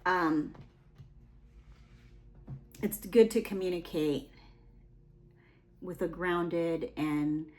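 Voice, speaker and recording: A woman's voice: on the low side, drawn-out words, long pauses, darkish tone. A young adult woman giving a casual, rambling tarot reading, full of fillers and asides. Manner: rambling, chatty, with many fillers. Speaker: tarot reader.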